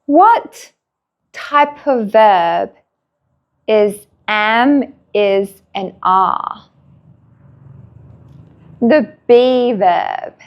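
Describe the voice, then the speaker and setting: A woman teaching a beginner English lesson, drilling simple sentences slowly and clearly with long pauses. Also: fairly high pitch, lively intonation, lo-fi sound.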